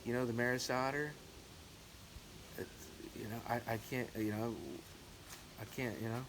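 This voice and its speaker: A man's voice: medium pitch, steady tone, normal speed. A man chatting casually to his viewers in a rambling, repetitive, hesitant way, like a home-brew vlogger. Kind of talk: casual rambling vlog chat. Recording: noisy recording with clicks.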